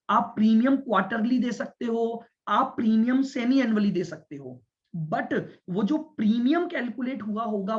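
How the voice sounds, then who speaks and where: A man teaching a commerce class, explaining step by step, repeating his points and checking whether the students follow. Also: very high-pitched. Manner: speaks deliberately and stresses listening. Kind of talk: classroom lecture. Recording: dull lo-fi lecture recording.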